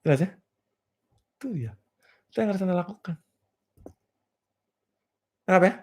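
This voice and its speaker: A man coaching a seminar crowd on business and money, his pitch swooping with animation. He talks playfully, fires rhetorical questions and keeps asking whether everyone follows. He laughs easily at his own jokes. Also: animated, normal speed. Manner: playful, rhetorical, repeatedly checks "clear?" with the audience. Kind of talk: motivational seminar talk. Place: live and virtual seminar.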